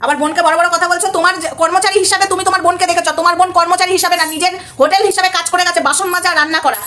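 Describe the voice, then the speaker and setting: Very high-pitched, rapid-fire scolding woman. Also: fairly even intonation, pushed and bright. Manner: scolding, rhetorical questions, repeats points. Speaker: vlogger host. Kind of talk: ranting commentary vlog.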